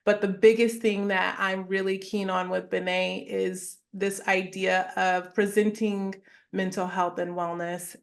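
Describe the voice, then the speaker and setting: Slow, gravelly-voiced woman guest. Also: medium pitch. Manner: measured, explanatory, steady. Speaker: therapist and wellness founder, guest. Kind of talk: podcast interview conversation.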